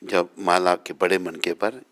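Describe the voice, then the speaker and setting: A man's voice: deep voice, steady tone, a little slow, fairly bright tone. A man, a swami, giving a morning sermon, telling stories, chiding listeners and chanting prayers. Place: temple gathering.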